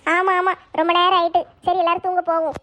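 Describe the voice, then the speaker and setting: A woman acting in a homemade family skit, talking fast and pleading. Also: very high voice, flat delivery, pushed and bright.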